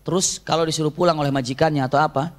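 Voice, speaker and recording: A male Islamic preacher, telling a story in a religious lecture, animated and asking his listeners questions. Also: a little high, rapid-fire. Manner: animated, acts out shouted quotes, asks the audience questions.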